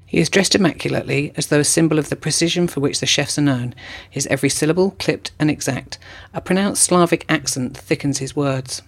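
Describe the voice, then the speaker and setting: A man reading scripted documentary narration as a correspondent, measured and formal. His voice carries a gravelly edge. It sits slightly high for a man.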